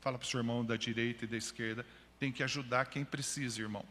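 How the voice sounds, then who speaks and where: Emphatic preacher in a reverberant church. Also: male voice, medium pitch, fairly even intonation, fast talker, bright, forceful tone, a little hiss or hum. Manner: emphatic, repeatedly addressing listeners as brother. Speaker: missionary preacher. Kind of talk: sermon. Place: church hall. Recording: long church hall reverb.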